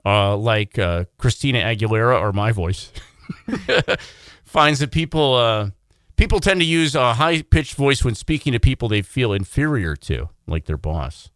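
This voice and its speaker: Fast-talking male radio morning host. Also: mid-range voice, animated, fairly bright tone, clear, resonant tone, no room sound, clean studio sound. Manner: quick, self-deprecating, joking. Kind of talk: casual radio banter.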